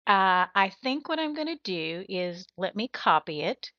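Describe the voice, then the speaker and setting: A woman's voice: mid-range voice, sing-song, measured pace, bright, forceful tone, no room sound, lo-fi sound. A woman hosting a casual interview, speaking in a playful, teasing way. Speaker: interview host.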